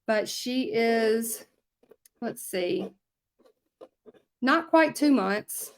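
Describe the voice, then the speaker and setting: Southern woman, bubbly, high voice, chatting live while lettering. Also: animated, extremely slow. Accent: Southern US (Louisiana). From Louisiana, USA. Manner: chatty, bubbly, talks to viewers while working. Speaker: hand lettering teacher. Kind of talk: casual livestream chat while demonstrating.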